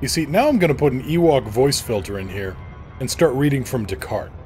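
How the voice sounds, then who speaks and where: A man's voice: mid-range voice, animated, fairly quick, darkish tone, soft background music. A man chatting casually with viewers on a live game stream, joking and playful as he answers them by name. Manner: joking, playful, reads viewer names aloud.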